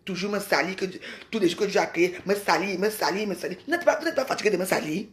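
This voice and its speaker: A woman's voice: medium pitch, lively intonation, fast talker. A woman ranting at home to her viewers, heated and taunting, firing off repeated rhetorical questions. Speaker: social media personality ranting on a live video. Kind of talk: angry direct-to-camera rant.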